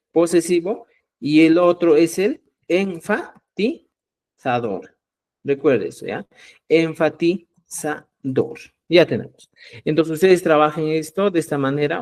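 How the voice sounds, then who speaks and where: A man teaching a live online language class, speaking slowly and with emphasis, and often checking whether the students follow. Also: a little high, darkish tone. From Peru. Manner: checks understanding with repeated "¿ya?"; slow, emphatic drilling of example words.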